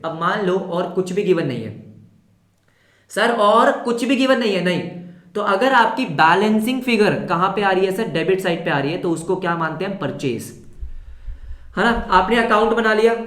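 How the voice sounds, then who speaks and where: A male accounts teacher with a sore throat, running a fast revision lesson, asking the class questions and answering them himself. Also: high voice, reverberant. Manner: quizzes students then answers his own questions.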